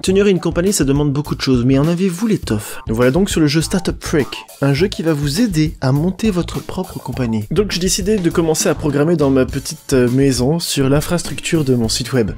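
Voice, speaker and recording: A man's voice: a little high, fairly quick, hardly any pauses, darkish tone, soft background music. Ironic, mock-pompous male gaming YouTuber. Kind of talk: comedic gameplay commentary.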